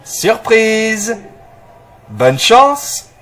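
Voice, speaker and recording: Guy acting upbeat escape game guide for a learner audiobook, slow careful speech, really lively pitch swings. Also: a little hiss or hum, full character voice. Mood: enthusiastic, instructive. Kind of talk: slow, clear language-learner audiobook dialogue.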